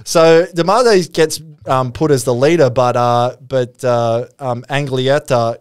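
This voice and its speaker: An Australian podcast co-host tells a crime story in a casual, rambling chat, swearing freely and putting on voices for the people he quotes. His mid-range voice is clean in tone and he takes his time. The studio-quality recording has no echo.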